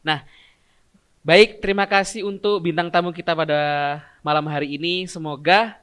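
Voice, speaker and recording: A young man hosting a casual podcast chat, relaxed, answering with short backchannels and jokey asides. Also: sits high, moderate pace, clear, resonant tone. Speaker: podcast host.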